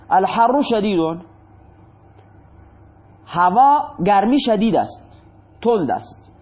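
A male teacher giving a grammar lesson, patiently repeating examples and asking questions that he then answers himself. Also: high voice. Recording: dull lo-fi recording.

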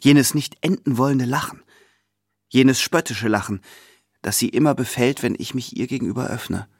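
A man narrating a classic novel in the first person, his voice husky in a medium register. He reads in a measured way, leaning into the drama of each scene. The sound is close and dry, with no room around it. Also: medium pitch, no room sound. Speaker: reader.

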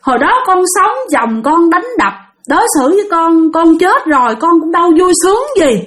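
Woman narrator doing a vengeful female ghost, lilt, piercing high voice. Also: lively intonation, normal speed. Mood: wailing pleading. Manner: shrill, ranting, then wailing and pleading.

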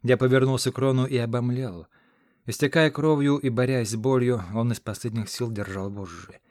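A man reads a first-person fantasy audiobook in a measured, dramatic way. His pitch sits in the middle range for a man. The recording is dry and close, with no room sound. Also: steady tone, a little mellow, no echo. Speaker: audiobook narrator.

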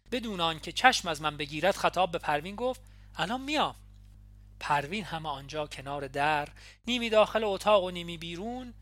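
A woman narrating an audiobook in the first person, calm and measured. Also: sits low, dry recording. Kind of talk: audiobook reading.

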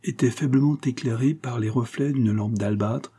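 A man narrating an audiobook with a measured, steady literary reading. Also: mid-range voice, slightly rough. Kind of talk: scripted narration.

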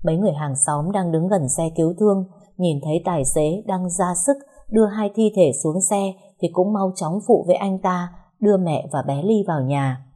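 Woman, first-person story narration, somber, measured, husky, low voice. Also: dark tone.

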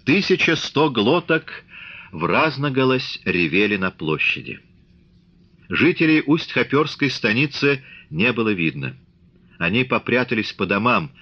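A man reading a classic novel aloud in measured scripted narration. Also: lowish voice, dull audio. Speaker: audiobook reader.

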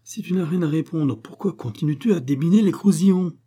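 A man's voice: a little high, a little fast, mellow, voice pushed up, lightly acted. Man doing an exasperated bourgeois husband. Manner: indignant, protesting. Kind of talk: audiobook character reading.

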